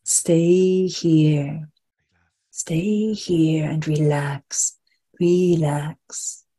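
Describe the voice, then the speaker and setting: Her voice sitting low and steady, a woman guides a relaxation meditation, breathy and soft, deliberately repeating phrases and leaving long pauses to soothe.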